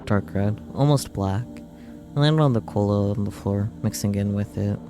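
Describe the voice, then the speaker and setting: With a fairly low pitch and measured pace, a man streams himself reading a visual novel's text, making wry, offhand remarks along the way. Video game music runs in the background.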